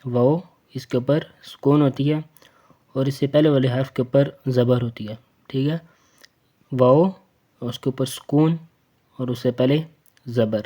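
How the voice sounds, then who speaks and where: Pakistani urdu accent guy teaching quran reading, spells each letter out patiently, pretty monotone. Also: medium pitch, pauses often. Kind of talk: slow spelled-out recitation lesson.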